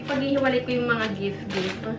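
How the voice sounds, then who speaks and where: A woman's voice: fairly high pitch, brisk, over loud music. A woman from the Philippines telling a story in a casual vlog, chatty and talking straight to her viewers. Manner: chatty, addresses viewers as guys, mixes in English. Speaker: vlogger. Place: home. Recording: roomy echo, distant mic, faint ambience.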